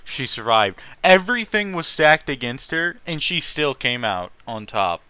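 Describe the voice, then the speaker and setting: Hosting a fan fiction reading, this man keeps breaking away to offer lively, opinionated remarks laced with profanity. He speaks in a clean, mid-range voice at a measured pace, with no echo.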